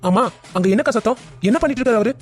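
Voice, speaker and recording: A man's voice: very high voice, racing, over loud music, pitched above the performer's own voice. A man voicing an exasperated young cartoon hero. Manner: firm, exasperated. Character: angry, protective young man.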